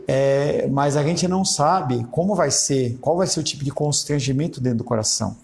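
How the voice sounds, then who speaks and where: A man's voice: medium pitch, moderate pace, vocal fry, a little mellow. A middle-aged man from Brazil, a pastor, preaching a sermon in a conversational way, acting out dialogue and often checking in with his listeners. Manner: conversational preaching, acts out quoted dialogue, frequent "entendeu?".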